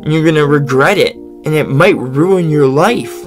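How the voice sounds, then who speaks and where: A man hosting reaction commentary, mocking and sarcastically answering a clip he pauses. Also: fairly high pitch, soft background music. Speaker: commentary host.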